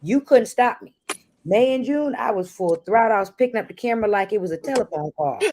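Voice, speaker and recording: A woman's voice: medium pitch, expressive, a little fast, warm tone, a little hiss or hum. A woman co-hosting a livestream, talking casually in a motivational way. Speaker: livestream co-host, content creator.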